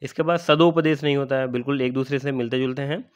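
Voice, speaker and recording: A man's voice: medium pitch, fairly even intonation, quick pace. Man teaching Hindi spelling. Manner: explains patiently, repeats words and asks rhetorical questions. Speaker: exam prep teacher. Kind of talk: spelling lesson for exam aspirants.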